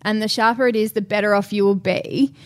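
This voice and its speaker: A woman's voice: medium pitch, steady tone, brisk, dry recording. A young adult woman chatting casually as a podcast co-host, informal and often quoting herself. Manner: informal, frequent "like" and self-quoting. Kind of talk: casual chat.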